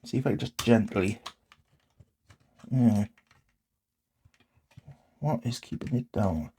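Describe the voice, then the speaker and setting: A man hosting a DIY repair channel narrates his hands-on fixes, thinking aloud casually in short, hesitant phrases. His voice is fairly low, dark and husky, and he speaks slowly.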